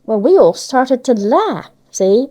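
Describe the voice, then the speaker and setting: An older Cornish woman from Cornwall, England, casually reminisces as an interviewee sharing local memories, speaking in dialect with plenty of tag questions. Her voice sits on the high side with big pitch swings, a slow pace and a warm tone.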